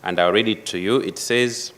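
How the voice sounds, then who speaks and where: A man delivers a formal conference address in a somewhat low voice. He speaks in a measured way, pausing to stress key phrases with deliberate emphasis. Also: a bit bright. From Malawi. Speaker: panel speaker.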